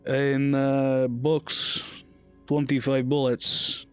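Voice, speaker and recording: A man's voice: mid-range voice, level tone, very slow, smooth, faint music behind. A man voicing a tall, burly Dutch blacksmith in a tabletop game, trying a Dutch accent and speaking broken English. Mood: gruff. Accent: attempted Dutch accent.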